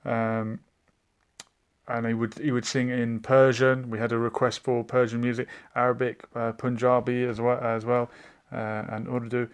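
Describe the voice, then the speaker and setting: A man's voice: medium pitch, level tone, normal speed, clean tone. A man hosting a casual live stream, reading out viewer comments and chatting in a meandering way with frequent hesitations.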